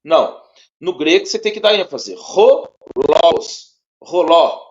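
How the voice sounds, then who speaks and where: Brazilian male tutor, slightly high pitch, stop-start and repetitive delivery, muffled lo-fi audio. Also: big pitch swings. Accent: Brazilian Portuguese. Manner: halting, repeats words, checks in often with tags. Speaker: teacher. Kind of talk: one-on-one spoken lesson. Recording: dull lo-fi sound.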